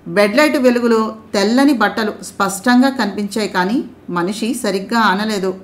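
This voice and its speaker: Woman reading a story out loud, calm and steady, mid pitch. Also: moderate pace. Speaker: narrator.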